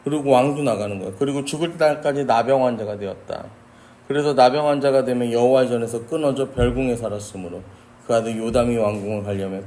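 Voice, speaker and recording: 진지하게 설교하는 남성 목사. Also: male voice, medium pitch, mellow, slight background noise. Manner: earnest, addresses the congregation often. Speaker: pastor. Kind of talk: sermon. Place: church sanctuary.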